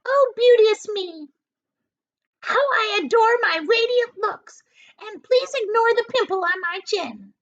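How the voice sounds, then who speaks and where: Shrill, screechy skinny spiteful aunt. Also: female voice, slow pace, muffled recording. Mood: vain, mocking.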